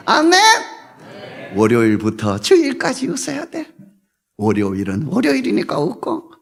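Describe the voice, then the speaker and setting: A man preaching a comic sermon in a church, laughing, shouting commands and playfully cursing. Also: very high voice, creaky, husky. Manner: boisterous, swings from whispers to shouted commands, mock-cursing, laughing. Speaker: guest preacher. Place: church sanctuary.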